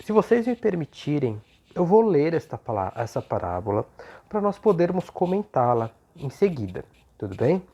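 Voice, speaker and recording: A Brazilian speaker leading an unhurried religious talk in short, gently explanatory phrases, with a voice slightly off from recovering from flu. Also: medium pitch, very animated, husky. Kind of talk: prayer and informal religious talk with scripture reading. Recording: dull, lo-fi sound.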